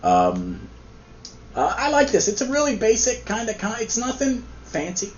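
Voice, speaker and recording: Hoarse with a cold, this male podcast host talks through a casual comic book review at a moderate pace in a high-pitched voice. His delivery wanders, peppered with ums and fresh starts, and a faint hiss sits under the dull, lo-fi sound.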